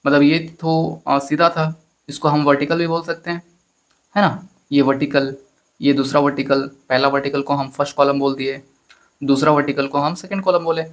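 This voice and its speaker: A man's voice: on the high side, level tone, moderate pace. A man teaching a maths lesson in Hindi with an Indian accent, explaining step by step and often addressing his students as friends. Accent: Hindi-speaking Indian.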